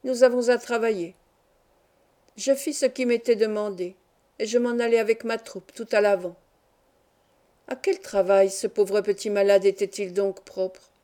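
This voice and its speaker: A woman reading a classic novel aloud as an audiobook, in a calm, even storytelling manner. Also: fairly high pitch. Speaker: audiobook reader. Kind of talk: scripted narration of a classic novel.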